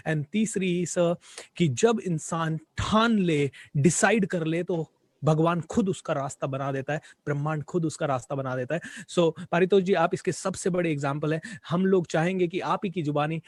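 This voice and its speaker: High-voiced enthusiastic male interviewer. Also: normal speed, no room sound. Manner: enthusiastic, emphatic. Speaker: interview host, motivational program. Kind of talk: interviewer, Hindi-English mix.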